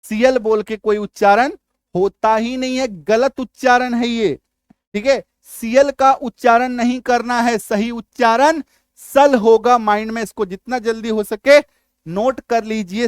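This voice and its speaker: A man teaching English spelling, drawing out example words slowly and often checking that his students follow. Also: very high-pitched, clear, resonant tone, no echo, clean studio sound. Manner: repeats checks like "आ रही बात समझ में?". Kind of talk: spelling lesson.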